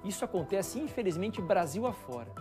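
A man's voice: high voice, very animated, fairly quick. A Brazilian man anchoring the news in a studio, talking loosely and indignantly. He throws out rhetorical questions, and faint music plays behind him. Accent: Brazilian Portuguese. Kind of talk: opinionated studio news commentary.

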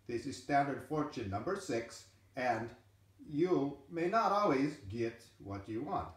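A man's voice: medium pitch, expressive, unhurried, lightly acted. A man voicing a grandiose, greedy male fortune-telling machine that announces itself with self-important flourish. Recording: very echoey room, from a distance.

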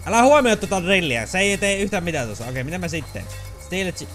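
A let's play gamer with a high-pitched voice gives casual, excitable commentary over a video game, with faint music in the background. He swears, yelps and slips into English phrases.

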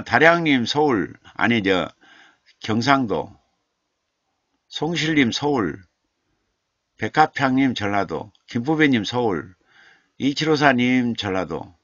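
A man, a literature professor, hosting a live stream and chatting slowly as he reads viewer comments aloud, chuckling and repeating names. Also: medium pitch, fairly bright tone, no room sound. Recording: dull, dry lo-fi stream audio.

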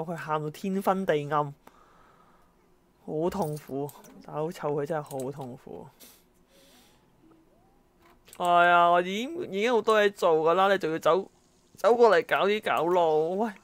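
A woman giving exasperated let's-play commentary, exclaiming at the characters in her game. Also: lowish voice. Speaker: gameplay commentator.

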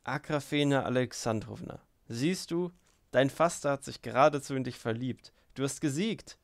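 A man's voice: fairly low pitch, fairly even intonation, normal speed, creaky, dry recording, clean studio sound. Rakitin, a sneering young man, read by a man. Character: mocking spiteful young man.

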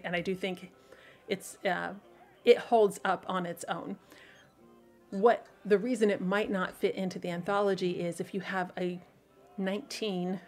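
A woman with a somewhat low voice hosts her own livestream, chatting loosely with viewers. She rambles through fillers and restarts, often breaking into laughter. Faint music sits quietly under her voice. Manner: laughs often between thoughts. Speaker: author hosting a weekly livestream show. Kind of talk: casual livestream talk to viewers.

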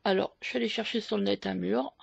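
A woman hosting a photo editing tutorial, explaining each step slowly with hesitant fillers. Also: medium pitch, fairly even intonation, gravelly, breathy edge, dry recording, lo-fi sound. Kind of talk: screen-recorded software tutorial.

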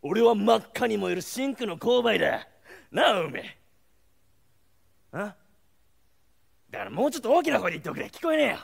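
An actor playing a bitter, dying samurai captain with a coarse, rough-edged way of talking, on a stage recording with music. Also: male voice, sits high, big pitch swings, moderate pace, long pauses, full character voice. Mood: tender. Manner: coarse rough-edged speech, brooding then shouting.

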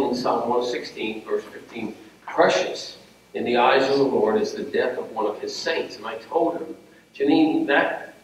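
Guy giving a funeral sermon, earnest and chatty, sounds far off in a big echoey room. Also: mid-range voice. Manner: conversational, earnest, with pauses and restarts. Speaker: pastor officiating a funeral. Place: funeral home chapel. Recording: very echoey hall, heard from a distance, faint room hum.

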